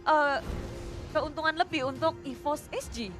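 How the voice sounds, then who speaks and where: Very high-pitched Indonesian woman, dramatic game announcer. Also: measured pace. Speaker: esports match commentator. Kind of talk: excited play-by-play commentary, fighting game announcer manner. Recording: loud music under the voice. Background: music.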